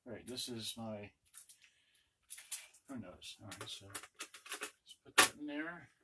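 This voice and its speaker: Speaking slowly in a lowish, expressive voice, an electronics unboxing presenter mutters to himself as he does a casual hands-on demonstration. It's recorded on a camera on a tripod, and the noisy room carries clicks and handling sounds.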